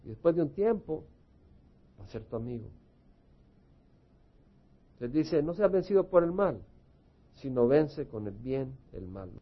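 A pastor preaching a sermon, swinging between loud emphatic bursts and soft, quiet calls to prayer. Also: male voice, medium pitch, big pitch swings, measured pace, pauses often, dull audio.

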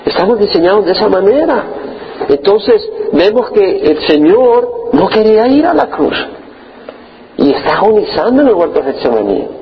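A man preaching a sermon as pastor, lively and acting out the voices he quotes. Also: high voice, normal speed, lo-fi sound, slight background noise. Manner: animated, acts out quoted voices.

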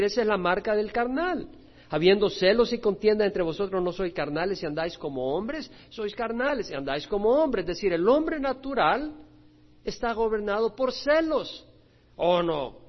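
Male pastor, high voice, lively sermon delivery that swings loud and soft, dull lo-fi sound. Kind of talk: expository sermon. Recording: dull lo-fi recording.

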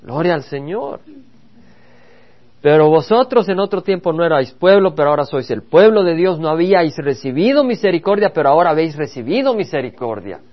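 Pastor guy giving a bible study sermon, kinda high voice, muffled old recording. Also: big pitch swings, fairly quick. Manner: preaching with rising emphasis, reading scripture aloud.

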